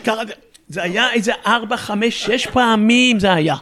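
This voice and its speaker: Old guy in his 70s, high pitched, acts out the radio calls while telling the story. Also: pushed and bright. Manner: vivid retelling, voicing the radio exchanges. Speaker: war veteran interviewee. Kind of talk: recounting memories in an interview.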